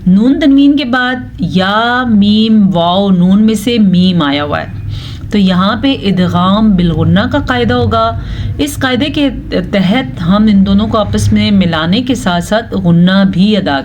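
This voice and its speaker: A woman's voice: medium pitch, animated, a little mellow, lo-fi sound, slight background noise. Woman teaching Quran recitation patiently. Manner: explains rules patiently, then recites verses slowly and drawn out; corrects common mistakes directly. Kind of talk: step-by-step recitation lesson.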